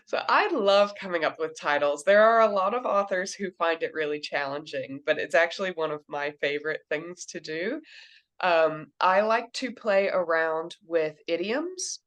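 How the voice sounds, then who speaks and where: Woman, 30s, from Kentucky, low-pitched author answering thoughtfully for a young interviewer. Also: animated, normal speed, a bit bright. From Kentucky, USA. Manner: thoughtful, explains things simply to a child. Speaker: children's book author.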